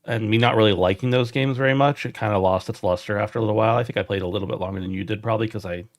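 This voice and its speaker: A man's voice: fairly low pitch, fairly even intonation, very fast, no room sound, studio quality. A man hosting a casual gaming podcast, easygoing and chatty. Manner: easygoing, chatty, frequent restarts. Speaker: podcast host.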